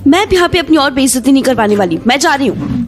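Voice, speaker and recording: An actress playing a touchy young woman who teases and quickly takes offense in an audio drama. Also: high voice, lively intonation, soft background music. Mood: offended. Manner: teasing, quick to take offense. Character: young woman Shreya, touchy and sharp-tongued. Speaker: actor. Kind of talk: Hindi audio drama acting.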